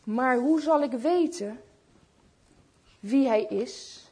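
A woman's voice: high voice, slow, dark tone, husky, exaggerated voice. A woman voicing a kindly, lonely old male shoemaker in a storybook, sighing and mumbling. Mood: hopeful.

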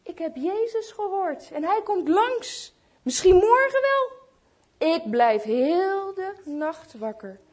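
A woman's voice: very high voice, big pitch swings, takes it slowly, voice pushed up, exaggerated voice. A woman voicing a kindly, lonely old male shoemaker in a storybook, sighing and mumbling. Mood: hopeful.

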